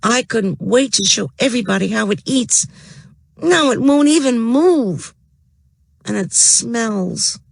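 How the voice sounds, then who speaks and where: A man voicing a spunky, moody young girl in a children's storybook reading, pitched up high. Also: animated, slow, creaky, no room sound, full character voice. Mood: eager.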